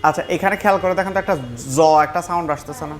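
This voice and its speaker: A man with a Bangladeshi accent teaching English pronunciation in a classroom, repeating words slowly and mixing English phrases into his explanations. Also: high-pitched, steady tone, a bit bright. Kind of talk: classroom lesson.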